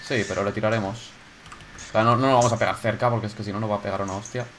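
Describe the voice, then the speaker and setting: Excitable gamer narrating his game. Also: fairly low pitch, rapid-fire, a little hiss or hum. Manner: excitable, swears, shouts when startled. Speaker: gaming YouTuber. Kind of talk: casual gameplay commentary.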